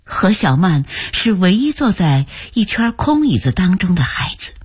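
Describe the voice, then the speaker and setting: A woman narrating a story for radio in a slow, hushed reading that often sinks to a whisper. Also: fairly low pitch, sing-song, slightly rough, no room sound, clean studio sound.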